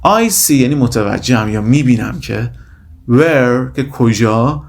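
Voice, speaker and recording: Guy teaching english phrases, says each one slow then rattles off the meaning fast, mid-pitched voice. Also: lively intonation, vocal fry. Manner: addresses viewers as kids, says each phrase slowly, then explains it quickly. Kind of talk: casual language lesson.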